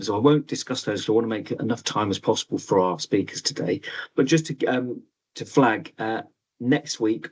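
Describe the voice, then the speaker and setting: A man's voice: lowish voice, slightly rough, low-quality recording. A man hosting an online webinar in a chatty, hesitant way, full of ums, speaking over a video call. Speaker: webinar host. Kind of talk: casual online presentation.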